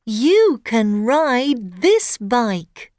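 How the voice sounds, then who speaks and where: A woman's voice: on the high side, sing-song, extremely slow, darkish tone, no room sound, clean studio sound, voice pushed up, full character voice. A woman voicing a cheerful young girl in a storybook read for learners, eager and sing-song.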